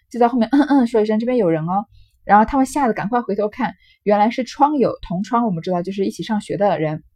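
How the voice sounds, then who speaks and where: A woman's voice: medium pitch, darkish tone, no echo. A woman reading passages of a classic novel aloud and explaining them in a conversational way, with fillers and asides. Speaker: reader and commentator on a classic novel.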